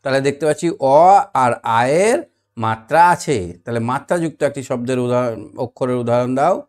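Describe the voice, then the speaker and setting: A man's voice: mid-range voice, brisk. A man teaching a children's reading lesson, coaxing small children and asking them to repeat after him in a sing-song way. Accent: Bengali (West Bengal).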